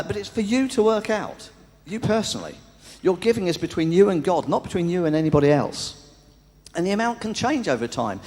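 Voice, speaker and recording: A man's voice: on the high side, darkish tone. A man preaching a sermon in a conversational way, asking rhetorical questions. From England. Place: church. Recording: long church reverb.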